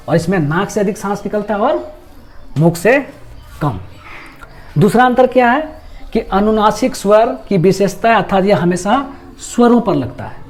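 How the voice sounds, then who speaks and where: A man teaching a grammar lesson, explaining step by step, repeating each point and sounding out letters slowly. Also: high-pitched, a little mellow. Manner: explains step by step, repeats points and asks questions back to the learner; sounds out letters and words slowly to show how they are spoken.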